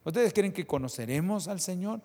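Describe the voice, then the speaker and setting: A male preacher delivering a sermon to his congregation, firing rhetorical questions at them and swinging between soft, low passages and loud, rising ones. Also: animated, normal speed. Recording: long reverb of a hall.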